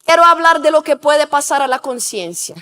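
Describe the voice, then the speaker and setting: A woman's voice: high voice, animated, normal speed, bright, forceful tone. A woman pastor preaching a sermon, telling stories and asking the congregation to repeat after her. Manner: asks rhetorical questions. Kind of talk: sermon with storytelling.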